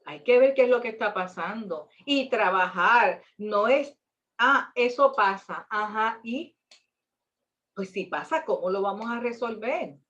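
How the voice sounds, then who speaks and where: A woman's voice: mid-range voice, lively intonation, unhurried, a bit bright, muffled recording. A woman teaching a Bible class in an earnest, emphatic way, asking rhetorical questions.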